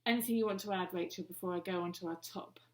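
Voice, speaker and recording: A woman hosting a guided wellbeing lesson, speaking calmly and slowing down for breathing cues. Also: fairly low pitch. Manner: calm, slows down for breathing cues. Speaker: wellbeing workshop host.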